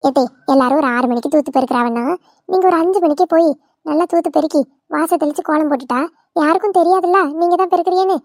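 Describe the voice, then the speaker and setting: A woman's voice: high-pitched, fast talker, a little mellow. A woman voicing a playful, talkative young village daughter-in-law, in a cartoon. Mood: cheeky. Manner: playful, teasing, cheeky. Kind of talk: cartoon voice acting.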